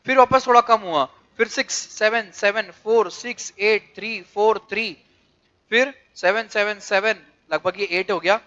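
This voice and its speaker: High-voiced Indian teacher, quizzing students. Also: male voice, steady tone, sharp tone. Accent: Indian English. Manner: mixes English and Hindi, quizzes students with quick questions. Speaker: commerce teacher. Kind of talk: classroom lecture. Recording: dull lo-fi lecture recording.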